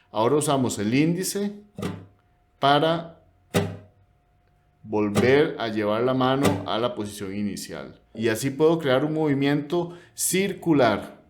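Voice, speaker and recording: A man's voice: mid-range voice, expressive, a little slow. A man gives a classical guitar lesson, patiently explaining and counting beats aloud as he demonstrates. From Costa Rica. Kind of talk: instructional lesson. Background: classical guitar strumming.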